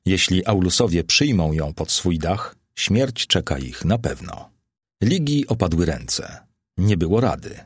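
A man narrating a classic novel as an audiobook, measured and solemn. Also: sits low, big pitch swings, breathy edge, dry recording, clean studio sound.

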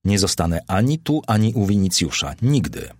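A man's voice: fairly low pitch, sing-song, normal speed, no echo, studio quality. A man voicing a desperate, devout young noblewoman in an audiobook, pleading and anguished. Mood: defiant.

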